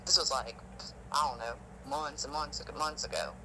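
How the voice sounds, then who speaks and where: A man's voice: mid-range voice, animated, moderate pace, noisy background. A man telling stories on a phone call in a rambling, emotional way. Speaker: witness. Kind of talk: casual phone conversation.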